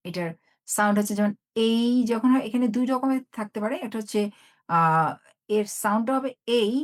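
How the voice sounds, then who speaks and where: A woman teacher giving a phonics lesson, explaining in Bengali and slowly repeating each English sound and example word. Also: mid-range voice.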